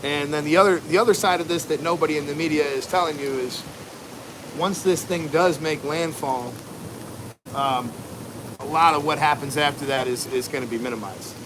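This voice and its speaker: American guy rambling on a livestream outside, slightly high voice, lots of wind noise behind him, real laid-back and slangy. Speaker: livestream host, barber. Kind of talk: casual livestream chat. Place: outdoors at home during a windy storm. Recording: noisy outdoors, loud wind and ambience. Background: wind and rushing water ambience.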